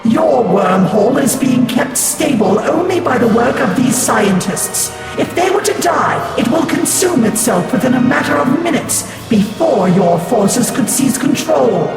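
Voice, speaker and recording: A woman voicing a menacing alien shapeshifter who speaks in a captured woman's voice, making cold, commanding demands over a public address loudspeaker. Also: sing-song, unhurried, gravelly, few pauses, heavily acted. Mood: threatening. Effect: booming over a public address loudspeaker. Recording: echoey PA loudspeaker with music.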